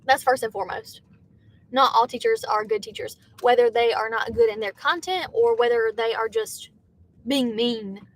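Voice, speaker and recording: Young Southern woman, chatty gig-driver streamer talking to her chat from a car, slightly high voice. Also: moderate pace. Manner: chatty, reads viewer comments aloud. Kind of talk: casual livestream chat.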